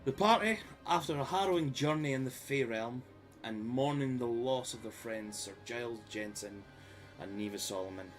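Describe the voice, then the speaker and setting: With faint music behind him, a Scottish game master speaks at medium pitch and normal speed with few pauses. Running a tabletop game on a live stream mic, he swears freely and banters jokily before a recap.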